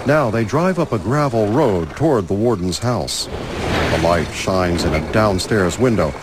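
A man's voice: fairly low pitch, animated, unhurried, heavy background noise. A man reading scripted present-tense narration that describes the action of a film scene. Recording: film soundtrack music behind. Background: film score music.

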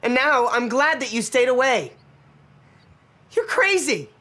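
An actor playing an uptight adult son, easily embarrassed, indignant and dryly sarcastic in a TV comedy-drama. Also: male voice, extremely high pitch, pushed and bright. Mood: angry. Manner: halting, indignant, dry sarcasm.

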